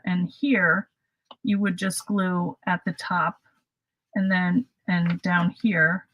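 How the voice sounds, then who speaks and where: A woman's voice: mid-range voice, poor audio. A middle-aged woman hosting a casual live craft demonstration, chatty and self-deprecating, laughing at her own slips. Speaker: craft host.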